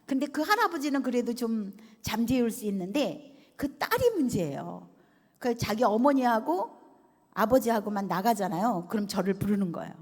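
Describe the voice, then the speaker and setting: Pastor's wife, testimony speaker: animated storyteller who acts out quoted dialogue, recorded in a reverberant hall. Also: female voice, fairly high pitch, moderate pace. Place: large hall at a retreat resort.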